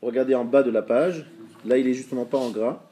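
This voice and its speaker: His voice mid-range and dark in tone, a man teaching a live religious class explains things patiently, checks with students, and sounds words out slowly as a demonstration.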